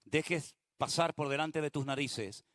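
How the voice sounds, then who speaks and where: Man, pastor, sermon; voice a little high, dry close recording, swings from hushed prayer to fervent preaching. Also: unhurried, no room sound. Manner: shifts between hushed prayerful tones and rising preaching fervor.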